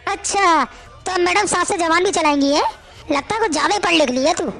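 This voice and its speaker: A woman's voice: very high voice, fairly quick, gravelly, fairly bright tone, faint music behind, full character voice. A woman voicing a strict, nagging older mother-in-law who scolds and mocks in a cartoon story. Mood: sarcastic. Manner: scolding, sarcastic.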